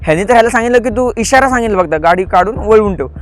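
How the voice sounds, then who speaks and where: A man's voice: high voice, lively intonation, racing, slight background noise. A man from the Pune area, a podcast guest, retelling a scary experience vividly and acting out the dialogue. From Pune area, India. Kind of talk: storytelling in an interview.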